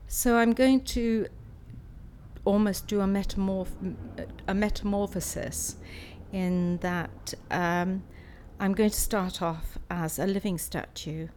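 A woman's voice: mid-range voice, fairly even intonation, slow pace, darkish tone, a little hiss or hum. A woman, answering interview questions conversationally and somewhat hesitantly. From Swansea, South Wales. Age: 60s. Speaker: interviewee, art student and practising artist.

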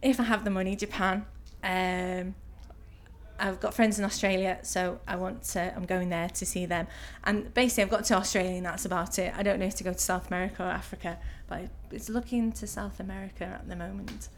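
A woman's voice: mid-range voice, fairly even intonation, fairly quick, a little hiss or hum. A woman in her thirties with a Liverpool accent, answering interview questions casually and hesitantly, with many filler ums. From Liverpool, England.

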